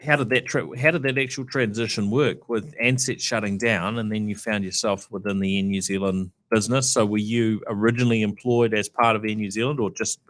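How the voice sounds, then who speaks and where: A man's voice: on the low side, steady tone, a bit bright, dry recording. Curious male podcast host. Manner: curious, halting questions with restarts. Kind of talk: interview questions.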